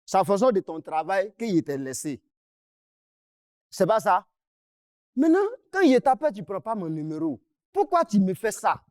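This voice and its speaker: Angry high-voiced man pressing his case. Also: sing-song, normal speed, long pauses, a little mellow, dry recording, clean studio sound. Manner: angry, insistent, repeats himself, interrupts. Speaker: client in a dispute. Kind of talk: heated confrontation on a mediation show.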